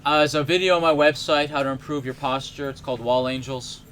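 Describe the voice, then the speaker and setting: A man's voice: medium pitch, steady tone, fast talker, fairly bright tone, a little hiss or hum. A man who is a chiropractor giving an educational health talk in an earnest, emphatic, conversational way.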